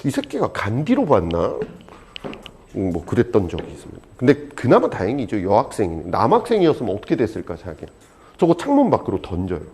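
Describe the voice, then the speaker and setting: A man teaching a high school exam prep lecture, animated and jokey, swinging between loud and soft. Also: a little fast, breathy edge. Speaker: Korean language teacher.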